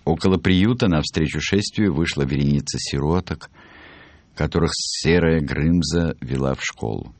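Deep-voiced man reading a storybook aloud. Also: moderate pace, no echo. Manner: animated, acting out voices. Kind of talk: reading a children's book aloud.

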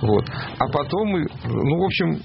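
A man's voice: on the high side, big pitch swings, moderate pace, gravelly, lo-fi sound, over music. A man hosting a live radio show, chatty and loose, stumbling over words. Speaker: radio host. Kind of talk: casual live radio chat. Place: radio studio.

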